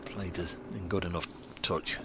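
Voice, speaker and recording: Male cricket commentator, lowish voice, chatty and statistical, with clear ambient noise behind him. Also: fairly even intonation, normal speed.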